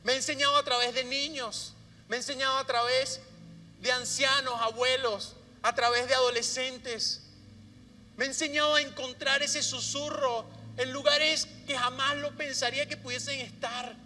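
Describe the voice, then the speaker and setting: A man with a very high, piercing bright voice delivers a sermon as pastor. He often sinks into a soft, hushed tone to stress a point. The sound carries a long reverb from a church hall. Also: steady tone, moderate pace. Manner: drops to a soft hushed voice for emphasis. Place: church sanctuary.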